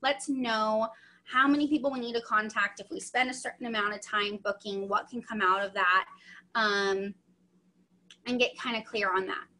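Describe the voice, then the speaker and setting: A woman's voice: medium pitch, steady tone, moderate pace, pushed and bright. A young adult woman giving a chatty, upbeat online training session, full of asides, over a video call. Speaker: sales trainer.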